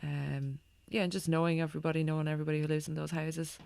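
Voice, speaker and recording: Talking fast in a low-pitched, gravelly voice with a darkish tone and little pitch movement, an Irish woman who does stand-up chats casually as a guest, hesitating and meandering as she goes.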